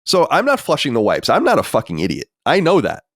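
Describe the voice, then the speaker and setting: Mid-range in pitch, a bit bright, and marked by vocal fry, this fast-talking man swings his pitch dramatically, recorded at studio quality with no room sound. He's a forties-aged podcast co-host who chats casually, reads listener mail out loud, and responds bluntly with sighs and swearing.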